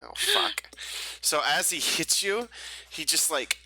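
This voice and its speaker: A man's voice: fairly high pitch, huge pitch swings, slow, a crowd in the background, rough recording. A young man running a tabletop game over a voice call, casual and rambling, full of fillers and restarts. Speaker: game master.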